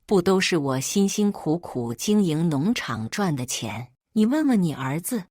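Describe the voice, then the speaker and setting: A woman's voice: lowish voice, sing-song, a little slow, darkish tone, no echo, studio quality. A woman voicing a domineering old father-in-law in a read-aloud family drama story, scolding and bullying. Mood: angry.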